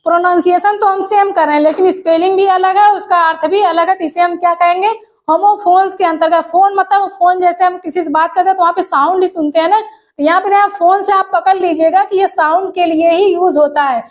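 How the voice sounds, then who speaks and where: Very high-voiced woman teaching a lesson. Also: steady tone. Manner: explains step by step, repeats terms, asks rhetorical questions; reads definitions slowly. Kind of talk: exam-prep language lesson.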